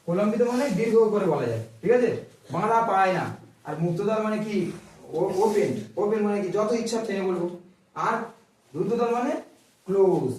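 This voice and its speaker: A male teacher takes a grammar lesson and keeps firing questions at his pupils, stretching out syllables to make his point. His voice sits high for a man and is heard from some distance across the room. The classroom echoes loudly around him. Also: lively intonation, fairly quick, long pauses. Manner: asks the class frequent questions and stretches sounds to demonstrate.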